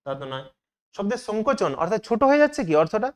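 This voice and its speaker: A man's voice: high voice, big pitch swings, very fast. A man teaching as he works through exam questions, asking each question aloud and then answering it himself. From Bengal.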